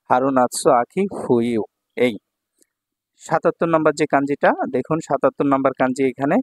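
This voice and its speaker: A man's voice: medium pitch, dry recording. A man from Bangladesh teaching a Japanese kanji lesson, patiently repeating each reading and meaning.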